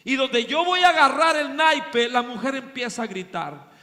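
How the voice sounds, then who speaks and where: A male pastor preaches in a dramatic storytelling style, surging loud and then dropping low and hushed. His voice sits very high and sounds bright and sharp. A long hall reverb trails his words. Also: normal speed. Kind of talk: sermon. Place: large hall at a pastors' retreat.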